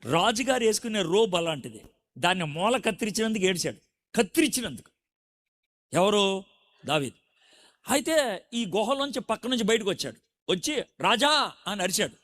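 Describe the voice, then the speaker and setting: A middle-aged man preaching a storytelling sermon, quizzing the audience and acting out the scenes with animated delivery. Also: sits high, normal speed, pauses often.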